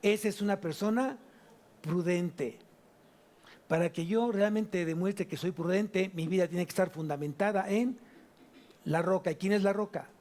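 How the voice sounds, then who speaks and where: High-voiced Mexican pastor preaching. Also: male voice, darkish tone. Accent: Mexican Spanish. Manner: asks the congregation many rhetorical questions, stretches key words slowly. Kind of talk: sermon. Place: church service.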